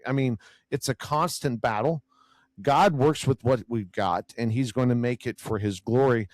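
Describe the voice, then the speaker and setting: A man describing his voice as loud and growly talks earnestly in a relaxed chat about faith, frequently repeating words as he gropes for them. He has a mid-range voice and a moderate pace, captured in a dry recording.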